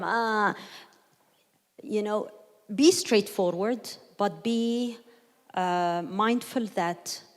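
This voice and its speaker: A woman gives a conversational teaching talk to a group, taking her time over each point. She acts out quoted voices and turns to the room with questions. Her voice carries a long reverb from a church hall. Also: mid-range voice. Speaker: speaker leading a workshop.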